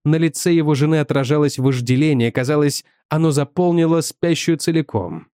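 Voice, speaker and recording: Man, audiobook narrator, measured dramatic reading, fairly high voice, dry close recording. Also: mellow, clean tone, no room sound. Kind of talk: scripted narration.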